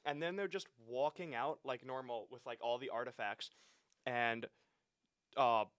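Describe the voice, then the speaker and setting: Wry, animated young man chatting. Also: medium pitch, unhurried, clean tone. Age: 20s. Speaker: podcast co-host. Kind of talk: casual chat.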